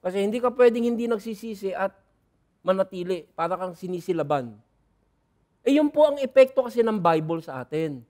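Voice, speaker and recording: A man preaching a sermon as pastor, lively, dropping from soft asides to loud bursts and mixing in English phrases. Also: sits high, a little fast.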